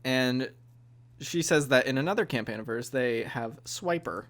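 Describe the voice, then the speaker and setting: A man's voice: mid-range voice, moderate pace, a bit bright. A man co-hosting a podcast in casual chat, playful and wry, laughing often. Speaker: podcast co-host.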